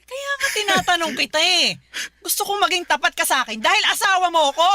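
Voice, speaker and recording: A woman's voice: very high voice, expressive, fast talker. An actress playing a wronged, suspicious middle-aged wife and mother in a radio drama, pleading and defensive, close to tears. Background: music.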